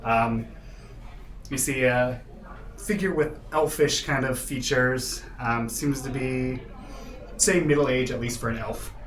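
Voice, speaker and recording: A man's voice: mid-range voice, takes it slowly. Distant, echoey man narrating a tabletop game. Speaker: game master describing the scene. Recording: roomy, distant mic with clear background noise.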